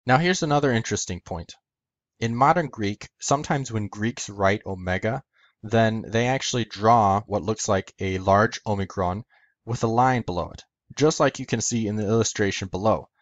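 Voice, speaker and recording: A man's voice: lowish voice, moderate pace, no room sound, dull audio. A man hosting an educational video, narrating a methodical scripted explanation step by step.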